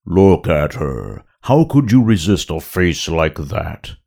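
A man voicing a huge, pompous male slug gangster lord in a story reading, slow and self-satisfied. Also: rumbling low, very animated, creaky, a little mellow, full character voice. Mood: smug.

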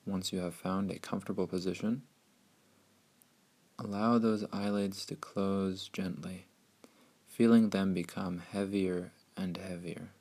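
A man narrating a scripted guided meditation in a soothing, hushed, unhurried way with long pauses. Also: deep voice, flat delivery.

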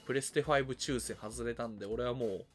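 A man co-hosting a podcast in casual chat. He is emphatic and animated, and he exaggerates for effect. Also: medium pitch, quick pace, faint music behind. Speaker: podcast co-host. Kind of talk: casual chat between friends. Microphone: remote recording.

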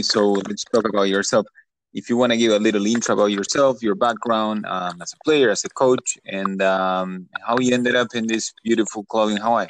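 A man's voice: fairly low pitch, slight background noise, poor audio. A man hosting a podcast, introducing his guest casually with frequent ums. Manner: hesitant, friendly, filler-heavy. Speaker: podcast host.

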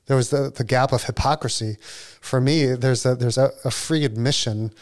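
Guy in his 40s, earnest n reflective, self-deprecating, medium pitch. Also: fairly even intonation, normal speed. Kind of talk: casual chat.

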